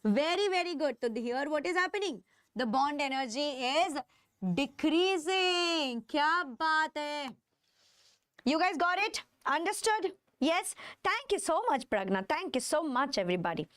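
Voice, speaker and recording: A woman with an Indian accent gives a live lecture to students in a high-pitched voice. She repeats her phrases and questions with emphasis, checking that listeners follow. The sound is dry, with hardly any room in it. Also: lively intonation, normal speed, a bit bright, dry recording. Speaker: chemistry teacher.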